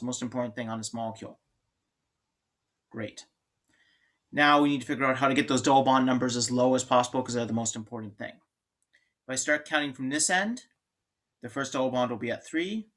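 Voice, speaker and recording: A man's voice: medium pitch, a bit bright. A man lecturing on chemistry in an informal, joking way, thinking aloud and restarting sentences. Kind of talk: classroom lecture.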